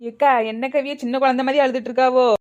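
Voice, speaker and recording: A high, quick voice plays a put-upon young woman in a cartoon, acted by a woman. She grumbles and complains at a fast clip in a Kanyakumari Tamil accent. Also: level tone, a little mellow, dull audio, close to an everyday voice. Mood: grumbling. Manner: complaining, whiny. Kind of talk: cartoon voice acting.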